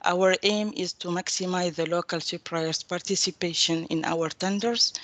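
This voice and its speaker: Steady woman presenting a webinar. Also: lowish voice, no echo. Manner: steady, fillers between phrases. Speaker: procurement coordinator.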